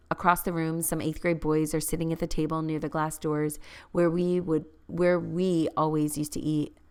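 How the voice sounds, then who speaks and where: A woman reading a first-person novel aloud as an audiobook narrator, in a measured, gently expressive way. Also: low voice, smooth.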